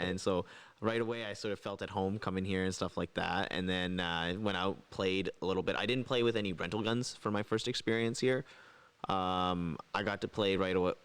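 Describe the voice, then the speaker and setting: A man's voice: low voice, clear, resonant tone. A man co-hosting a casual podcast chat, rambling and hesitant with lots of fillers. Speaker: podcast co-host.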